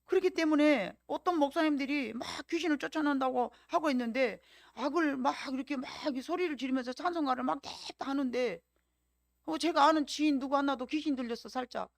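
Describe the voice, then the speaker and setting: A woman pastor with a Jeolla accent, preaching a sermon as a lively storyteller who acts out what people said. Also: high voice, brisk, vocal fry, no room sound, clean studio sound. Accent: Jeolla Korean. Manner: lively storytelling with acted-out quotes. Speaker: senior pastor.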